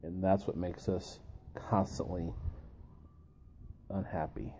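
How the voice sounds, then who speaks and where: A man with a low, very dark and mellow voice muses slowly through a thought, pausing often. He talks around a pipe in his mouth, in a reflective monologue style, with faint noise behind him. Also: flat delivery. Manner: musing, halting, with long pauses. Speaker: video host. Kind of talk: reflective philosophical monologue to camera.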